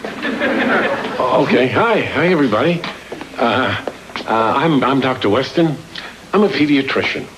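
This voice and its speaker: An actor playing a well-meaning, awkward pediatrician in a sitcom, halting and earnest as he pleads. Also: mid-range voice, sing-song, noisy background. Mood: awkward, friendly.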